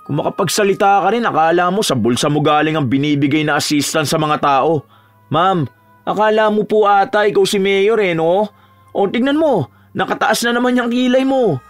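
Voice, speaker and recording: A man's voice: high voice, natural voice. A man playing a fed-up young student. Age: young adult. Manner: pleading, then indignant and cutting. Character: polite but fed-up young male student.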